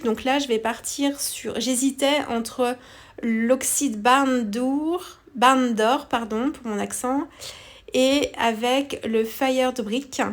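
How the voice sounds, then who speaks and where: Lady talking through her art journal page, lots of ums, kinda high voice. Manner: relaxed, hesitant, many fillers. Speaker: craft tutorial presenter. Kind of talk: voice-over craft tutorial.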